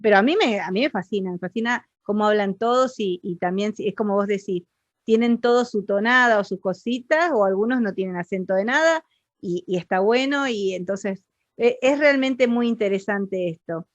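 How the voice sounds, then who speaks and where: A woman's voice: medium pitch, moderate pace, no room sound, highs cut off. A woman with an Argentine accent hosting an interview, chatty and agreeable in a casual conversation. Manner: chatty, agreeable, with frequent assent. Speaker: interview host.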